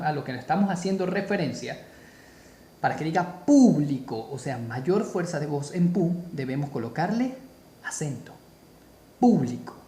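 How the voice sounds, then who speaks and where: A man teaching a spoken grammar lesson, slow and deliberate, repeating key terms for emphasis. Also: high voice, darkish tone, reverberant, a little hiss or hum.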